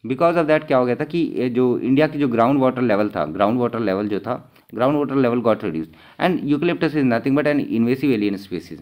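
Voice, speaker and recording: A man's voice: mid-range voice, lively intonation, measured pace, darkish tone. A man, teaching exam material and answering his own questions, repeating each key term as he goes.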